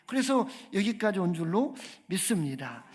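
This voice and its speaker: A man's voice: sits high, big pitch swings, normal speed, a little mellow, slightly rough. A man preaching a sermon as a guest pastor in a church, emphatic, calling for amens and putting questions to the congregation. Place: church sanctuary.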